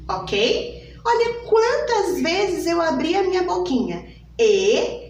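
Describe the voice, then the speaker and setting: Lady teacher for little kids, high lively voice, draws words out slow, echoey room mic kinda far off. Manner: slow, sing-song and exaggerated, stretching out each word for small children. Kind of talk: children's phonics lesson.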